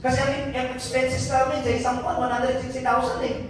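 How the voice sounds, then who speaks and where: High-voiced joking man in echoey hall. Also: little pitch movement, fairly quick, distant mic, a little hiss or hum. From Albay, Philippines. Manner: joking, teasing, keeps quizzing the crowd. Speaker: business mentor and motivational speaker. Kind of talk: motivational speech to a live audience. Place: event venue hall, indoors. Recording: very echoey event hall, picked up from afar.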